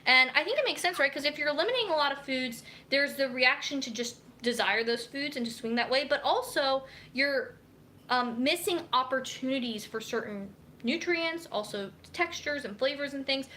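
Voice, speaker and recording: A young dietitian with a high-pitched, bright, forceful voice and lively intonation chats casually at normal speed on a live cooking stream. She reads viewer comments aloud while chopping vegetables in her home kitchen, with a little hiss or hum in the audio.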